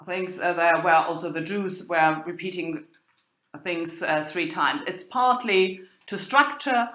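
A woman lecturer in medieval German literature gives an informal university lecture with quoted text, speaking slowly and haltingly with a German accent. Her lowish voice sounds pushed and bright, and her hesitant delivery has many pauses. The room is roomy and echoing.

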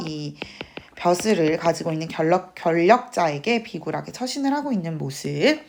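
A woman literature teacher lecturing to students with a slightly hoarse, sunk voice, acting out quoted lines. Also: on the low side. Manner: animated, acts out quoted lines in character voices. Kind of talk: classroom lecture on classic Korean fiction.

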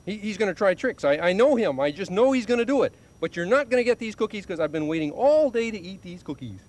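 A man's voice: high voice, lively intonation, quick pace, darkish tone. A man voicing a cheerful, wary puppet who guards his cookies, talking earnestly with stammering restarts. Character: cheerful young male puppet, fussy about cookies.

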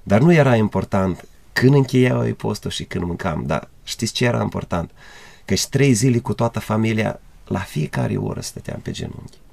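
A man tells his testimony with animation, his voice leaping upward whenever he acts out remembered conversations. His tone is gravelly, and the recording is dry and close, with no room sound. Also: no room sound. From Republic of Moldova. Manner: animated, voice climbs high in retold dialogue. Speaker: guest evangelist. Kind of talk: emotional testimony storytelling.

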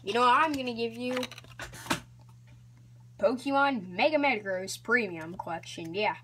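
Against a noisy background, a channel host opens cards for a casual vlog, her voice a little high and moderately paced. She rambles hesitantly with many ums and restarts, sometimes dropping to a soft whisper.

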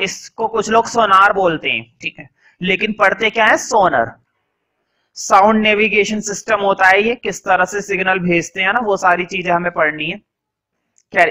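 A young man teaching a class, dictating notes slowly and repeating each phrase, mixing Hindi and English and answering his own questions. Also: sits high, sharp tone, low-quality recording.

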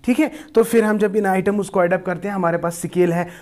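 A man's voice: sits high, fairly even intonation, a little mellow. A man teaching a class, explaining step by step, asking and answering his own questions, and turning many sentences into rising checks with his students. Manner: explains slowly, addresses students as "beta". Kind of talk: classroom lecture.

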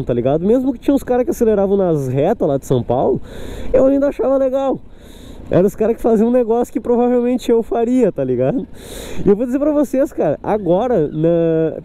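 A man's voice: high-pitched, background noise. A young man, rambling casually and self-mockingly as he rides a motorcycle through city streets at night, recorded on a helmet action camera. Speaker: motovlogger. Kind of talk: casual motovlog commentary while riding.

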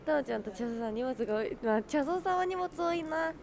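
A woman's voice: high voice, expressive, fast talker, gravelly, a little mellow, a little hiss or hum. A woman live-streaming outdoors, chatting casually with her viewers and friends and laughing often. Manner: bubbly, greets chat, laughs often. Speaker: livestreamer.

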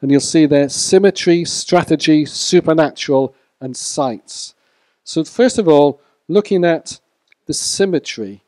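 A man preaching a sermon to a church congregation in a measured way, sometimes speaking to people in the room. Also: a little high, a little mellow, no room sound. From Wales.

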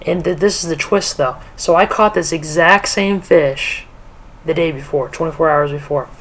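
A young man runs a casual fishing vlog, speaking enthusiastically and directly to viewers through an action camera, first in an indoor den and then outdoors at a farm pond. His voice is on the high side and fairly bright, at a normal speed.

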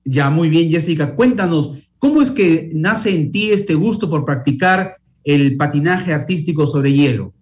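A man's voice: a little high, lively intonation, measured pace, few pauses, highs cut off. A middle-aged man, a news anchor hosting a live TV interview in a polished, formal presenter manner from a studio.

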